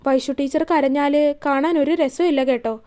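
A woman reading a story aloud, voicing a young man who is a tender, teasing lover and speaks softly. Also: high voice, steady tone, moderate pace, close to an everyday voice. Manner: softly pleading and playful.

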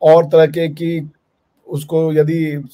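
A man's voice: fairly high pitch, completely flat delivery, drawn-out words, highs cut off. A man interviewing a guest, asking polite, long probing questions and mixing in English terms.

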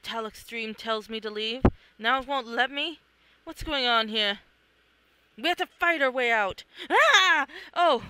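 In a lively read-along of their own comic, a person voices each character with theatrical exclamations. Their medium-pitched voice is pushed, bright and clean with no room sound, though the audio quality is poor.

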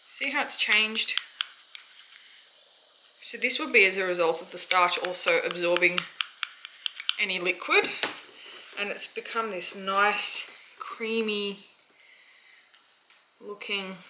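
With a medium pitch, a slow pace and long pauses, an Australian woman around her thirties chats and thinks aloud while demonstrating a craft. She vlogs and runs a small soap business, and this casual how-to video was made in her small indoor home workshop. Background noise is clear, along with the clatter of dishes and pots.

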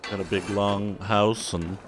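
A man's voice: fairly low pitch, fairly even intonation, unhurried, slight background noise. A man giving laid-back, rambling commentary while playing a video game. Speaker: let's play host. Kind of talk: casual gameplay commentary.

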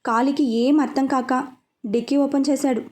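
A woman narrating a serialized audio story in a lively storytelling manner. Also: sits high, moderate pace.

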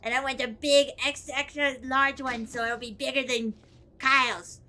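A demanding cartoon brat of a boy, whiny and bossy, as a woman puts him on. The voice sits high and a little thin, nagging and full of entitlement. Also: steady tone, normal speed, pushed and bright.

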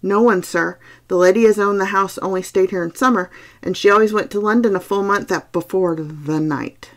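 A woman's voice: medium pitch, natural voice. A woman putting on a placid old country housekeeper. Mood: stubborn. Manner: slow, hushed rural dialect speech.

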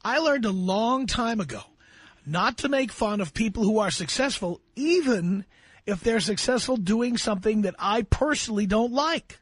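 A man hosts a call-in radio show and hands out blunt career advice in an emphatic, lecturing way. His voice sits high for a man and has a husky edge. The sound is close and dry, with no room around it. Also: animated, normal speed, a bit bright, no echo. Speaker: radio talk show host.

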